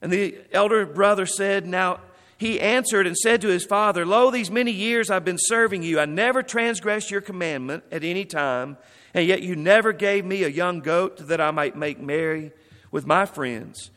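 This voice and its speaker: A man's voice: high-pitched, normal speed, a bit bright, in a large hall. A man preaching a sermon. He reads scripture passages aloud and then explains them.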